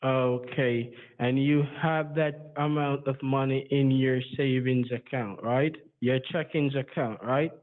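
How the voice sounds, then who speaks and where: A man with a Jamaican accent, pitching slowly and deliberately over a landline phone. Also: steady tone. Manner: slow, deliberate salesman pitch. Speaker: scam caller. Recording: tinny phone line.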